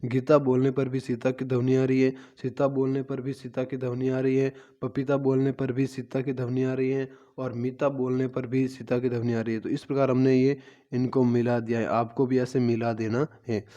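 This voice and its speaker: A man walks through a children's worksheet as a teacher. He speaks patiently and repetitively, posing questions and then answering them himself. His pitch stays fairly flat and even throughout. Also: moderate pace, highs cut off. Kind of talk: worksheet lesson walkthrough.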